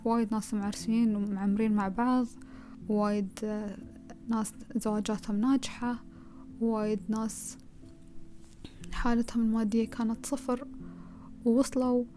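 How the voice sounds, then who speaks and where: A woman's voice: on the high side, little pitch movement, normal speed, long pauses, warm tone, faint music behind. A woman with a Gulf Arabic accent giving a conversational self-help talk, advising the listener and piling up rhetorical questions.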